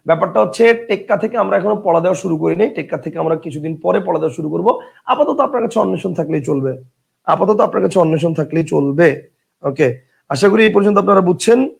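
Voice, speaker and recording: Gravelly, high-voiced man teaching. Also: animated, fast. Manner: repeats key phrases, asks students questions; reads out viewer comments. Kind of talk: online grammar class.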